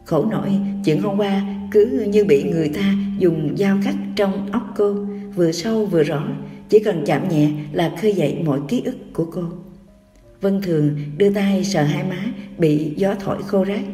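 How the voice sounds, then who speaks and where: Một người phụ nữ đọc truyện tình cảm, đọc chậm rãi và nhẹ nhàng. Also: female voice, fairly low pitch, moderate pace. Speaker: audiobook narrator. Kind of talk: scripted romance narration. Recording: roomy echo, distant mic, music.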